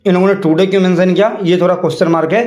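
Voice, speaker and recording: A man's voice: sits high, fairly even intonation, racing, a little mellow, reverberant. A man, chatting casually as a crypto video host and filling his talk with repeated fillers. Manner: chatty, repeats "ठीक है" and "यहाँ पे". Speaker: crypto YouTuber. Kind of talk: casual explainer vlog.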